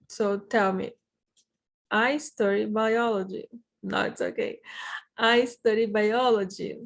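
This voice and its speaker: Speaking English with a Brazilian accent, a woman with a creaky, mid-range voice leads a slow Portuguese vocabulary drill. As a language teacher, she patiently repeats every word twice and then gives its translation.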